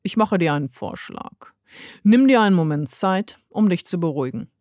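A woman's voice: on the low side, normal speed, dry recording, studio quality, close to an everyday voice. A woman voicing a cheeky little male bird. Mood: calm teasing. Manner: calm, soothing, playful. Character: cheerful, cheeky small male bird, lower voice.

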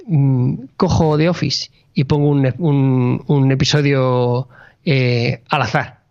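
A man's voice: medium pitch, steady tone, slow, darkish tone. Man talking up a TV show, lo-fi sound. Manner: emphatic, jokingly over-acted enthusiasm. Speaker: podcast co-host. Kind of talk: casual chat.

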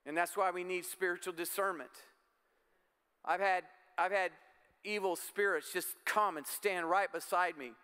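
A middle-aged male pastor delivering an emphatic, exhorting sermon. His voice sits high for a man, bright and crisp, and it rings with the long reverb of a church hall. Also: steady tone, normal speed. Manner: emphatic, exhorting with repeated calls.

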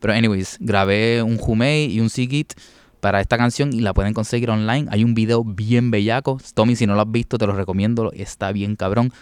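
A man's voice: fairly low pitch, fairly even intonation, fairly quick, a little mellow, smooth, dry recording. A man with a Puerto Rican Spanish accent, co-hosting a casual podcast chat, slangy and enthusiastic, with English phrases mixed in. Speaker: podcast co-host.

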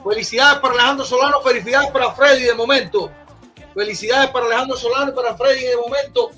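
A male podcast host with an unusually high, bright voice. He talks in an excitable, casual way, exclaims a lot and says the same phrase two or three times in a row. Faint music plays behind him. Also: fast talker. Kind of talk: casual live-stream chat.

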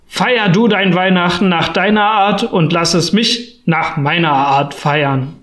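A man reading an audiobook, voicing a miserly, grumpy old man who talks in gruff, curt grumbles. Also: high voice, slow pace, fairly bright tone. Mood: grumbling.

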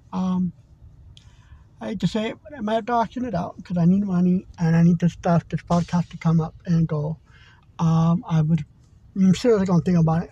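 Male podcaster, high pitch, mellow tone, heated profane rant, dull lo-fi sound. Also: husky, no room sound. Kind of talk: impassioned monologue. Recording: dull lo-fi recording.

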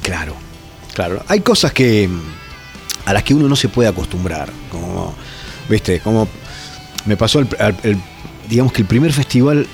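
Low-voiced Rioplatense man telling tour stories. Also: very animated, moderate pace, gravelly, long pauses, faint music behind. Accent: Rioplatense Spanish. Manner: storytelling, rambling with many restarts and tag questions. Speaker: touring metal musician guest. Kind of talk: casual interview chat.

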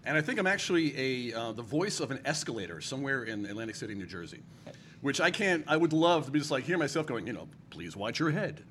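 A man who does voiceovers, co-hosting a podcast in quick, chatty talk. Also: mid-range voice, sing-song, fairly bright tone, slight background noise. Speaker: podcast co-host and voiceover artist. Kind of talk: casual podcast chat.

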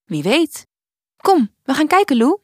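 A kind girl who tells the bedtime story, as a woman puts her on, a bit higher than a normal voice. She sounds reassuring and soft. The recording is dry. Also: big pitch swings, measured pace, dry recording. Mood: curious.

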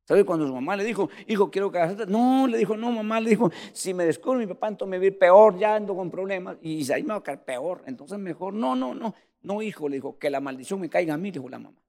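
Preaching a sermon in church, a man with a high voice talks fast with few pauses. He's animated, keeps addressing listeners as "brother," and swings between loud and soft.

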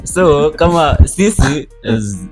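A young man with a Kenyan accent in casual chat, switching languages and reasoning aloud in short, halting phrases. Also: on the high side, expressive, a little mellow. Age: young adult. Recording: background guitar music behind talk.

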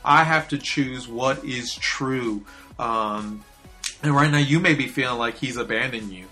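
A man's voice: medium pitch, unhurried, pushed and bright, faint music behind. A man hosting a short daily devotional, talking in an earnest, confessional way with hesitant fillers. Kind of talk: casual spoken devotional.

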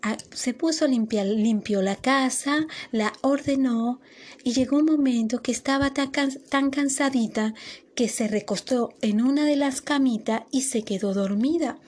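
A woman telling a fairy tale aloud, slowly and gently, with small slips. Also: high-pitched. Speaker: storyteller.

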